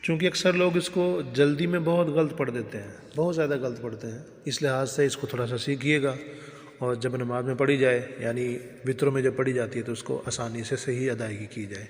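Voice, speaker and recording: A man's voice: mid-range voice, fairly even intonation, long reverb tail. A man teaching careful recitation, patiently correcting pronunciation word by word. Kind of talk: religious recitation lesson.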